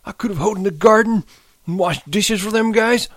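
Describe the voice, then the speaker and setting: Man voicing a high, pleading old American ranch hand. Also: lively intonation, normal speed, a little mellow, husky, no echo, clean studio sound. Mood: tearful, wistful. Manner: rustic, ungrammatical speech.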